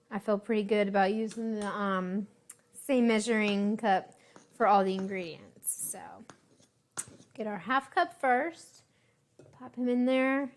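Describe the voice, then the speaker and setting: Slow-talking woman chatting through a recipe. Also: mid-range voice. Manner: chatty, relaxed, many ums and asides. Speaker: home baking instructor. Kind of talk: casual cooking demonstration.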